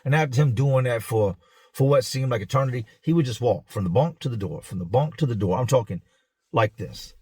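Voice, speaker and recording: A man's voice: mid-range voice, animated, fairly quick, a little mellow, breathy edge, no echo. A man hosting a show, telling a story in blunt street slang in a casual, easygoing way. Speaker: host.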